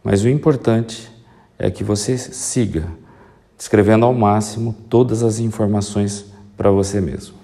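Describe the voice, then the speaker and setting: A man leads a guided hypnosis relaxation with slow, soothing instructions, like a sleep story narrator. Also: fairly low pitch, fairly even intonation, gravelly, mellow. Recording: music behind the voice. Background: prominent music.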